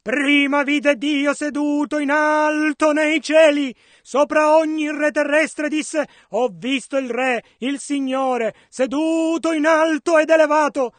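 A man interpreting a sermon into Italian, echoing the preacher's dramatic rises and shouts. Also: very high-pitched. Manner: echoes the preacher's dramatic delivery.

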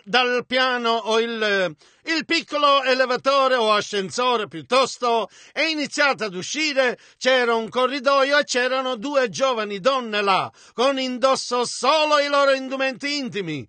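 A man voices a translation of a sermon in a measured, steady delivery. His voice is very high and bright. The sound is dry and close. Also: no room sound. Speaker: interpreter.

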